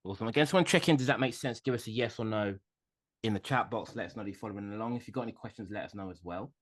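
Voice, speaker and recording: A man's voice: lowish voice, rapid-fire. A man hosting a recruiting workshop webinar, checking in with the audience and speaking with filler words. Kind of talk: webinar presentation.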